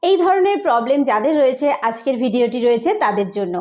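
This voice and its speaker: Bengali-accented female teacher, high voice, slow repetitive explaining, online lesson. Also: big pitch swings, warm tone. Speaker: English pronunciation teacher.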